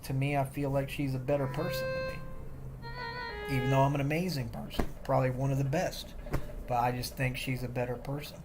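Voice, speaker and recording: A man talking on a livestream, boastful and defensive, repeating himself as he rambles. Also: mid-range voice. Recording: loud music behind the voice.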